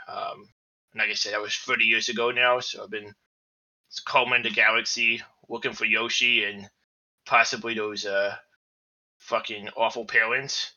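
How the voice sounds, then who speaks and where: A bitter, distrustful android teddy bear, as a man puts him on for a tabletop game, talking with a lisp in a gruff adult voice. The tone is very bright and edgy, and he stalls on ums between phrases. The recording is lo-fi and muffled. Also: fairly low pitch, little pitch movement, moderate pace. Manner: hesitant, many fillers. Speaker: player. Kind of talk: tabletop role-play character voice.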